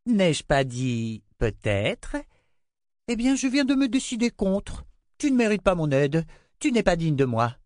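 A man reading an audiobook, voicing a vain, cruel queen with a shrill, imperious manner. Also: very animated, measured pace, darkish tone, no room sound, studio quality. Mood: haughty, cruel. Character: vain cruel middle-aged queen, hysterical and haughty.

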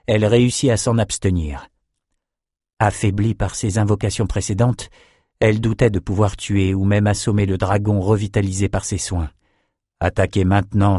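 A man reading a fantasy novel aloud as narrator, in a steady, measured way. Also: on the low side, no room sound, studio quality. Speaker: audiobook narrator.

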